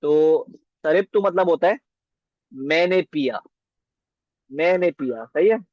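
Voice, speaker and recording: A man's voice: on the high side, no echo. A man teaching a beginner Arabic lesson, repeating each word and checking with his students as he goes. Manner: slow, repeats words and asks "ठीक है?". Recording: dull, dry lo-fi sound.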